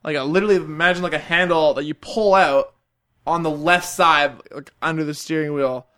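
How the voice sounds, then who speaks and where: A young man telling a rambling, animated story in casual chat, swearing freely and laughing through it. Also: fairly high pitch, brisk.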